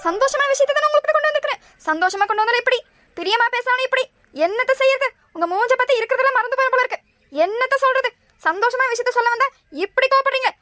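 Cartoon daughter-in-law, young, wheedling, very high voice, rapid talk. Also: female voice, sharp tone, no echo. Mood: hurt. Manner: pleading, chatty. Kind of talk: cartoon voice acting.

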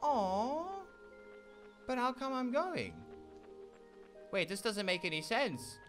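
An excitable man with a South African accent gives casual gameplay commentary with a bright, sharp edge to his voice. His pitch swings up and down all the time as he chats to viewers. Faint game music plays behind him. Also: slow. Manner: excitable, keeps addressing viewers as "ladies and gentlemen"; meows and plays along as his kitten character. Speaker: gaming channel host.

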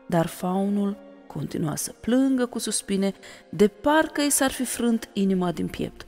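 A woman narrating an audiobook with expressive storytelling. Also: mid-range voice. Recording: reverberant room, faint music.

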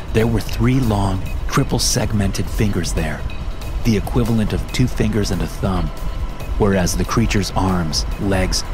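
Low-voiced man narrating a horror story. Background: background music.

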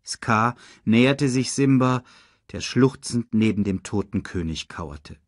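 A man reading a children's story aloud in a slow, dramatic storytelling manner. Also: dry recording, clean studio sound. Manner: slow and dramatic, very lively in pitch. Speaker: audiobook reader. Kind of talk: storybook narration.

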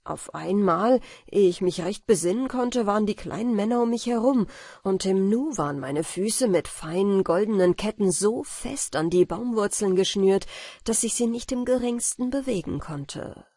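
Woman reading a bedtime fairy tale, husky, dry close sound. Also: medium pitch, expressive, normal speed, warm tone, no room sound. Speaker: audiobook narrator. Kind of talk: bedtime storybook narration.

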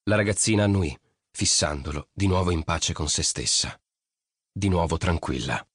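A man narrating an audiobook in an expressive storytelling reading. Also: deep voice, moderate pace, husky, no room sound, studio quality. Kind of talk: scripted narration.

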